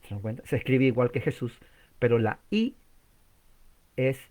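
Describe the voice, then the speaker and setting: A man's voice: mid-range voice, big pitch swings, moderate pace, darkish tone. A man preaching a sermon in a teaching manner. He asks the listeners many questions, repeats key words and jumps up in emphasis. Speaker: pastor.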